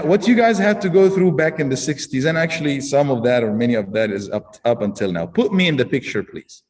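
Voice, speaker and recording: A man from Egypt hosting a community talk, introducing guests and asking questions in a measured way with some restarts. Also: on the high side, a little mellow, long reverb tail, far from the mic, low-quality recording. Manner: measured, slow reading with restarts. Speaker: host.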